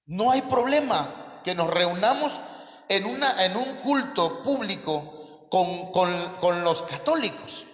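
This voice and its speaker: A man's voice: high voice, lively intonation, slow pace, fairly bright tone, reverberant, big-room sound, soft background music. A man with a Mexican Spanish accent preaching a sermon, calling his listeners brothers and asking rhetorical questions. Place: church.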